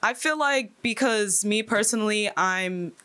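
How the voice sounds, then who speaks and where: A woman's voice: mid-range voice, a little slow, sharp tone, smooth. Poised woman giving a pageant answer. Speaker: pageant contestant.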